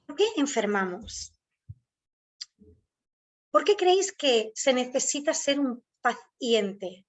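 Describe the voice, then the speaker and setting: A woman, indoors at home, leading a spiritual online workshop in a slow, deliberate manner with measured, repeated lists of phrases. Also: sits high, big pitch swings. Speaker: workshop facilitator. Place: indoors at home, near a door.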